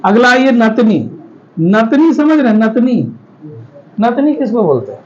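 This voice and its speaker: A man's voice: very high-pitched, big pitch swings, a little slow, muffled recording. A man teaching a classroom lecture, explaining step by step and often checking that the students follow.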